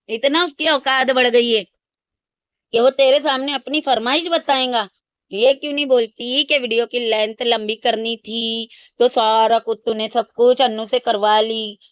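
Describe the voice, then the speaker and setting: Woman, reaction host, scolding and scornful, somewhat high pitch, dry close sound. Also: clear, resonant tone, no echo. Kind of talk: casual ranting commentary.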